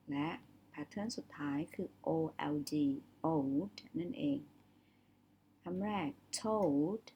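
A young woman teaching English vowel sounds, saying each example word slowly and often more than once. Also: lowish voice, breathy edge, lo-fi sound. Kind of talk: slow vocabulary lesson with spoken word examples.

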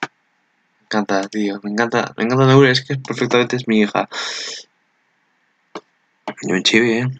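A man's voice: mid-range voice, steady tone, normal speed, pauses often, fairly bright tone, lo-fi sound, a little hiss or hum. A young man from Spain with a Spanish accent, giving casual, rambling commentary on an anime preview with lots of filler tags.

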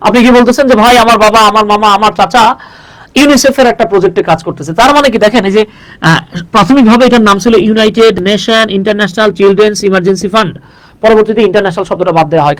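A man's voice: sits high, rapid-fire, a bit bright, low-quality recording. A man from Bangladesh giving a chatty live English lesson, teaching in Bengali and calling viewers brother.

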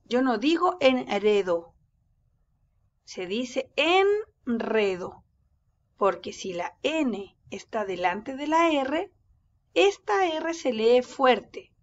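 Woman teacher for a children's reading lesson, very slow and patient, slightly high voice, dull lo-fi sound. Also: lively intonation. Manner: slow, patient, drawing words out syllable by syllable. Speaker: first-grade teacher.

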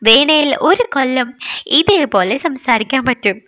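A woman reading a story aloud and voicing a smitten married man who answers mildly and carefully, with some flattery. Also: sits high, measured pace, no echo, exaggerated voice. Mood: restrained. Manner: mild, careful, flattering replies.

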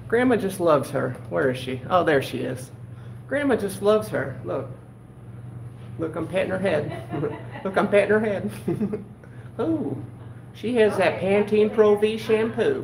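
Playing a syrupy, nosy old grandmother, a livestreamer who films public buildings banters to troll people indoors, calling them darling and naming himself Grandma. The exaggerated voice is high, animated, unhurried, creaky and a little mellow, with long pauses. Shot on a handheld phone, the audio is poor with a little hiss or hum.

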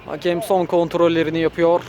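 A man's voice: on the high side, little pitch movement, fairly quick, a little mellow, slight background noise. A man giving live play-by-play football commentary in short, clipped phrases, raising his voice for shots and goals. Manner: short, clipped phrases naming players and moves.

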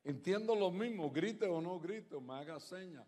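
A man preaching a sermon with stories, switching between loud declarations and quiet, conversational telling. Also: high voice, animated, moderate pace, long reverb tail. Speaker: pastor. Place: large church hall.

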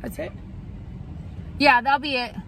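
A mother and vlogger ordering food from her car at a drive-through speaker, polite and brisk with small hesitations. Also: high-pitched, a bit bright, a little hiss or hum. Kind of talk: casual vlog chat.

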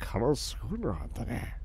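A man chatting in character during a game roleplay, excitable and theatrically polite, given to big exclamations. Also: mid-range voice, slight background noise.

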